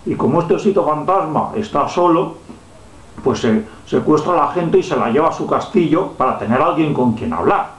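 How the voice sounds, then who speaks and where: A man voicing a boastful, all-knowing talking head in a children's story, explaining things haltingly. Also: fairly high pitch, expressive, natural voice. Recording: dull, echoey home room recording.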